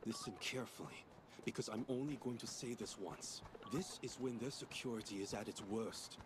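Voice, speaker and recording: A man's voice: medium pitch, moderate pace, lightly acted. Actor as terse undercover contact man, noisy capture. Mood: guarded, serious. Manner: terse, instructing. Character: male undercover contact, guarded, no-nonsense rebel operative. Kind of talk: video game voice acting.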